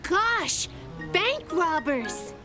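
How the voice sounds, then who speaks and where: Little cartoon girl, very high-pitched, quick-witted, cheeky, loud music behind. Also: big pitch swings, heavily acted. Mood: excited. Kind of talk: animated children's cartoon dialogue.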